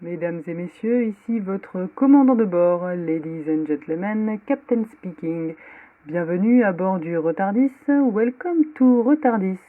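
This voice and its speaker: A woman's voice: medium pitch, lively intonation, a little slow. A woman playing a mock airline captain on the cockpit headset, reading a comic recap as cabin announcements and mixing French with broken English. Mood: deadpan announcing. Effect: tinny cockpit-announcement sound. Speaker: podcast co-host giving the episode recap. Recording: tinny phone-like line.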